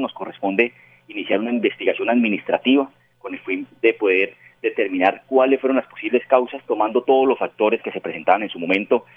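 Fast-talking official man on a phone line. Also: lowish voice, slightly rough. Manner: formal, measured official speech with frequent hesitations. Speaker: port captain. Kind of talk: phone interview. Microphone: telephone.

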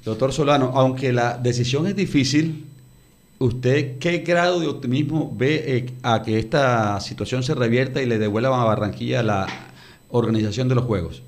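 A man's voice: mid-range voice, normal speed. A man on a radio show asking the guest direct, formal questions. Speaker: radio co-interviewer. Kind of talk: radio interview.

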